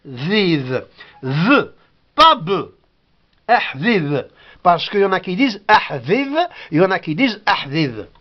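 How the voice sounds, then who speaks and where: Slow, sing-song man teaching word by word. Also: sits high, very animated, lo-fi sound. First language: Kabyle. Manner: repeats each word slowly, sounding it out. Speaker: language teacher. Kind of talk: patient spoken lesson.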